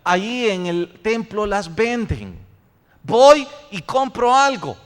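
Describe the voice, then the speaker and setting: A man's voice: high-pitched, big pitch swings, slow, heavily acted. A man preaching a sermon, putting on the voice of a careless male worshipper who buys his offering at the temple. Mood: offhand. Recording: long church reverb.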